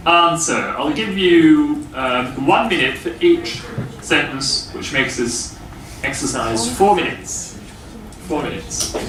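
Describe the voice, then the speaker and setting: A man teaching English grammar to a class, explaining slowly with many pauses and fillers. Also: fairly high pitch, fairly bright tone, a little hiss or hum. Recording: echoey classroom from far off.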